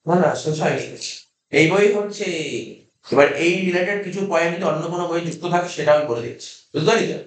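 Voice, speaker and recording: A male teacher from India with a Kolkata Bengali accent lectures a class, drilling his students with repeated questions. His voice is high and fast, and the recording sounds roomy.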